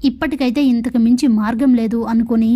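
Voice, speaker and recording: A woman hosting a channel, casually retelling a TV serial episode in a steady, matter-of-fact way. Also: fairly high pitch, brisk. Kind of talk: casual story recap.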